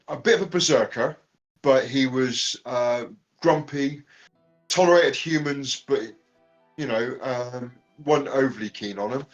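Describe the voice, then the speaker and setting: A man chatting casually as a podcast guest, halting often with ums and restarts. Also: medium pitch, lo-fi sound. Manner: hesitant, many ums and restarts. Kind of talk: casual chat.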